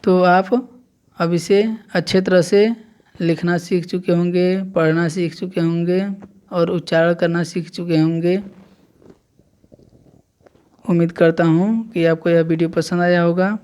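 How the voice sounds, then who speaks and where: Even-toned, smooth-voiced male teacher. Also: high-pitched, a little slow, long pauses. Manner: patient and repetitive, counting numbers aloud one by one. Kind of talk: classroom lesson teaching English numbers.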